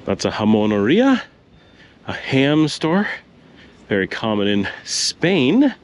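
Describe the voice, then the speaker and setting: A man's voice: medium pitch, huge pitch swings, slow pace, slight background noise. Chatty man narrating a city walk. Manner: chatty, pointing things out as he walks. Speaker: vlogger. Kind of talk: casual walking-tour commentary. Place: city streets outdoors.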